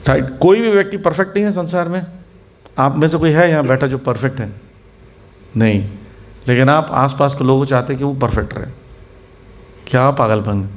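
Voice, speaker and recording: A man preaching to a seated audience, telling anecdotes, acting out the people in them and asking rhetorical questions. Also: medium pitch. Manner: storytelling, acts out the people in his anecdotes. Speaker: spiritual teacher. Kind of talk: Hindi sermon to a seated audience, mixing English words.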